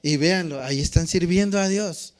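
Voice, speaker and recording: A man's voice: on the high side, normal speed, darkish tone. An older man with a Mexican Spanish accent preaching a sermon as pastor, repeating phrases and tagging lines with questioning asides. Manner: peppers phrases with questioning "¿verdad?"; repetitive, call-and-response preaching.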